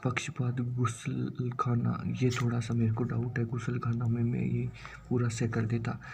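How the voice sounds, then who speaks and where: Rajasthani hindi guy reading out word lists for an exam, dead flat voice, mumbles some bits, faint hiss behind. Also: medium pitch, a little slow, vocal fry. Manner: rattles off word lists, muttering some words under his breath. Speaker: exam coaching teacher. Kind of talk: exam-prep word drill.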